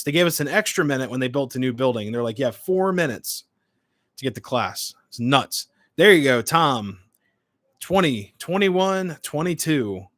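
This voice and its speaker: A man's voice: mid-range voice, fairly bright tone, dry recording, clean studio sound. A man in his late twenties hosting a livestream, chatting informally and hopping between short remarks as he answers comments. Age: late 20s. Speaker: livestream host. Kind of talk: casual livestream chat, reading and answering comments.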